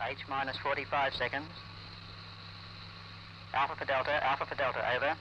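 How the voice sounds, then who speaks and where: A man's voice: medium pitch, little pitch movement, normal speed, highs cut off. A man speaking terse, formal military radio procedure as an operator over a crackly radio link.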